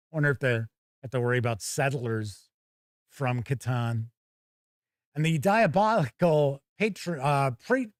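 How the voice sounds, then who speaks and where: A man with a high voice hosts a tabletop gaming news show, casually reading blurbs and viewer comments with wry asides. The live commentary has clean studio sound with no echo.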